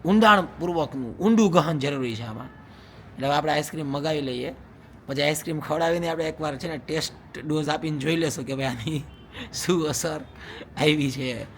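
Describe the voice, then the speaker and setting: Teasing young husband vlogging at home. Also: male voice, on the high side, moderate pace, a bit bright, a little hiss or hum. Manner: teasing, playful, laughs often. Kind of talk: casual vlog chat to viewers.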